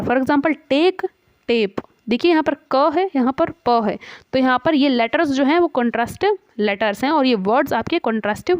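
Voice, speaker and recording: Woman teacher, high voice, coaching lesson, slow careful reading of definitions, dull lo-fi sound. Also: no echo. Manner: explains step by step, reads English definitions out slowly. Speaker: exam prep teacher. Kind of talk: Hindi-English exam coaching lesson.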